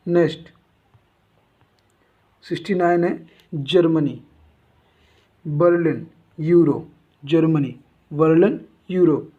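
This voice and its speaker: A man's voice: a little high, slow, long pauses, breathy edge. A male teacher reciting a general knowledge lesson, saying each item twice like a memory drill. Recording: tinny phone-like sound.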